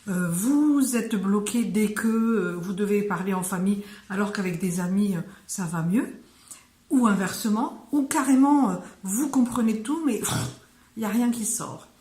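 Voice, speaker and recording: A woman teaching phrases in French in a casual online lesson, speaking slowly with many hesitations and fillers. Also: medium pitch, warm tone, reverberant. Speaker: Malagasy language teacher.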